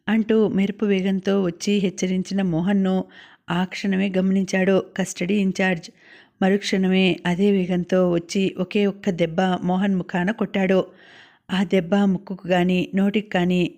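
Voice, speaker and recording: A woman narrating a novel as an audiobook reader, in steady, even storytelling. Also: fairly low pitch. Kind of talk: scripted narration.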